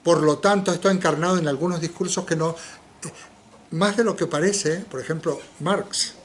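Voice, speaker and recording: A man's voice: fairly high pitch, moderate pace, a little hiss or hum. An older man giving an informal philosophy seminar lecture, asking the audience rhetorical questions and dropping frequent tag questions. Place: lecture room in a community center.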